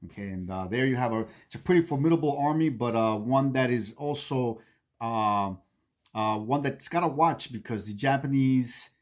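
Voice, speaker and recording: Man, game series host, casual recap commentary, halting delivery, repeated phrases, indoor bunker room. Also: mid-range voice. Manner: halting, repeats himself, frequent "okay" check-ins.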